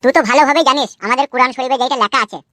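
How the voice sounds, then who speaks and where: Lady voicing a preachy young cartoon guy going on about life, rapid-fire, dry close mic. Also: high-pitched, bright, forceful tone, dry recording. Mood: earnest. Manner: earnest, preachy, rambling. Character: young uneducated man brooding on life's meaning.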